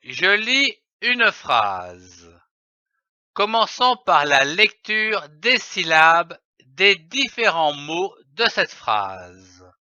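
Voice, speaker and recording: A man with a high, very bright voice leads a reading lesson for young children. He talks very slowly and spells out each letter before repeating the syllable. The recording is dry and a little dull. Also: big pitch swings, no room sound. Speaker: reading teacher.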